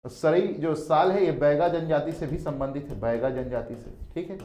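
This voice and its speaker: A male teacher with a Chhattisgarhi accent and a slightly high voice delivers an exam coaching lecture at normal speed. He's animated and emphatic, repeating key words and addressing students as "beta".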